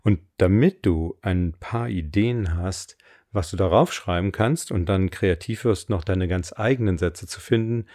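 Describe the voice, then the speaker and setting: Deep voiced guy slowly reading out affirmations, calm coach vibe. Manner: slow, calm, reads affirmations aloud with pauses. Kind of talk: guided affirmation exercise.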